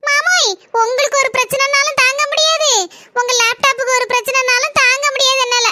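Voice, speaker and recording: A woman's voice: very high-pitched, fairly even intonation, fairly quick, bright, forceful tone, no echo, clean studio sound, heavily acted. A woman voicing a brash young village wife. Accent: Kanyakumari Tamil. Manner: brash, defiant.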